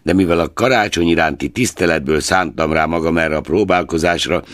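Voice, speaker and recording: A man's voice: low-pitched, no room sound, studio quality, lightly acted. A man voicing a cheerful, persuasive young nephew who pleads earnestly. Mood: pleading.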